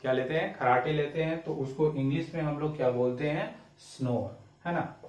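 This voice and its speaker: A man teaching English vocabulary in Hindi, asking "clear?" after each point and spelling words out letter by letter. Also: a little high, steady tone, normal speed, darkish tone, distant mic, dull audio. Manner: repetitive quizzing, asks "clear?" often; spells words letter by letter, drawls example sentences. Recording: echoey room, away from the mic.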